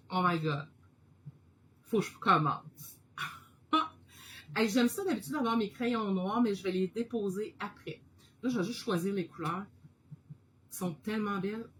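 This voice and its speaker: Excitable Québécoise woman painting live. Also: mid-range voice, a little hiss or hum, rough recording. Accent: Québécois French. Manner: excitable, chatty, laughs often. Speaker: host of an art live stream. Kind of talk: casual live-stream chat while painting.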